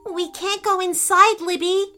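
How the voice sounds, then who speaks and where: A woman's voice: very high voice, steady tone, unhurried, sharp tone, faint music behind, voice pushed up, exaggerated voice. A woman voicing a timid young girl who worries aloud about dangers. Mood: fearful. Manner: anxious, worried.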